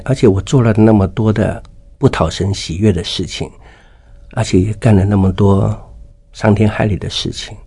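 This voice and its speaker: Middle-aged male guest, husky low voice, heartfelt testimony storytelling that acts out the dialogue. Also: a little mellow. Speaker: interview guest. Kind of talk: personal faith testimony.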